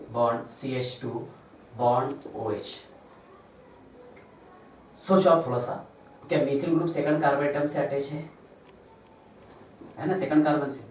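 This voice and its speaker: A man with an Indian Hindi accent teaching chemistry in a classroom lecture. He counts carbons aloud, spells out formulas slowly, and asks questions that he answers himself. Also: medium pitch, darkish tone. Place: large classroom. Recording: echoey room, distant mic, faint noise.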